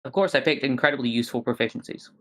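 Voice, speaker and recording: Very deep-voiced woman at a game table. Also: rapid-fire, a bit bright. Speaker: player in a tabletop role-playing game. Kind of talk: casual table talk.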